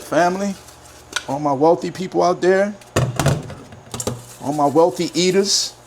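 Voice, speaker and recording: A man casually talking through cooking his dinner in a home kitchen, laid-back and chatty with drawn-out emphatic phrases. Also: fairly high pitch, noisy background. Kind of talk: casual cooking vlog chat. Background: frying and stirring sounds.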